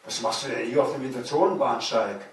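A man's voice: medium pitch, fairly quick, recorded from a distance, lightly acted. A man reading a stern uniformed guard. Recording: echoey room, voice from afar.

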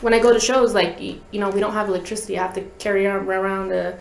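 This young woman is a guest talk box musician, talking fast in a flat, gravelly medium-pitched voice during a casual, slangy interview with demonstration. It's recorded indoors on a tabletop podcast microphone in a small studio, with roomy echo and light background noise.

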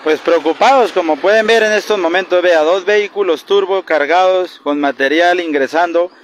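A man in his thirties, a community leader, urgently complaining in a street interview by a roadside, held mics close. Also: on the high side. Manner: urgent, indignant complaint, pointing things out. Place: roadside outdoors by a bridge. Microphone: handheld news mics held close. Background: passing traffic.

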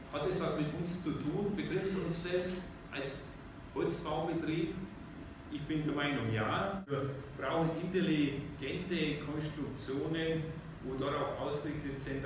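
Guy giving an emphatic talk at a conference, higher voice, distant echoey hall. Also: measured pace, background noise. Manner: emphatic, rhetorical questions. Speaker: industry association president giving a talk. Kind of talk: conference speech.

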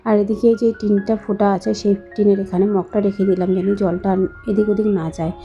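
A young woman with a hoarse voice from a cold, chatting slowly and softly to her viewers in a voice-over for her home vlog. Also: medium pitch, flat delivery, lo-fi sound, faint music behind. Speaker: vlogger, housewife.

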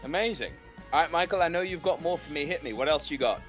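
A young man hosting a casual interview over a video call, eager and jokey, prompting his guest with quick asides. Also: fairly high pitch, faint music behind. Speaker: host. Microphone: webcam on a video call.

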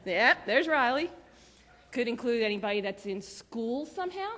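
A woman's voice: a little high, expressive, normal speed, a bit bright. Chatty woman in a reverberant church. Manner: chatty, laughing, enthusiastic. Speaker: church announcer. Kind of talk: church announcements. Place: church sanctuary.

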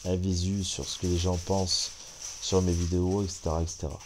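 Against a noisy background, a man speaks briskly in a low voice as he comments on a mobile game for his gaming channel. He has a French accent and sounds congested from a head cold, keeping things relaxed and chatty with lots of filler words.

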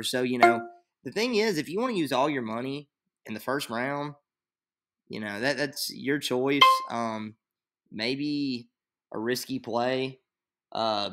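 In a very noisy recording, a young man speaks unhurriedly at medium pitch. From his computer in a small room, he casually explains a fantasy league draft on screen, rambling, thinking aloud, and leaning heavily on fillers.

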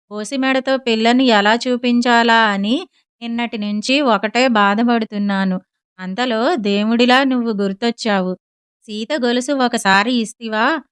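A woman voicing a cunning older neighbor woman who speaks sweetly and flatteringly, in audiobook storytelling. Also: a little high, clean tone, no echo, close to an everyday voice.

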